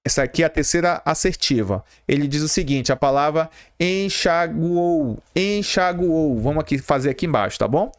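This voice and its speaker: Speaking quickly with hardly any pauses, this Brazilian Portuguese-accented man has a fairly high, lively voice. He walks through an exam-prep grammar lesson step by step, repeating key terms and checking in with viewers, recorded in a clean studio with no room sound.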